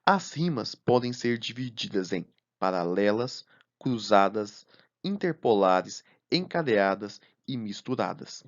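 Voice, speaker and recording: Man, teacher, lesson narration, very slow, deliberate, dull lo-fi sound. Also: fairly low pitch, animated. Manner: slow and deliberate, counting syllables aloud.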